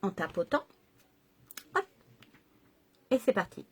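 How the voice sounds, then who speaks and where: A woman's voice: mid-range voice, sing-song, slow, husky. A middle-aged woman chatting casually through a makeup tutorial at home, hesitating and correcting herself as she goes. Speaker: makeup vlogger.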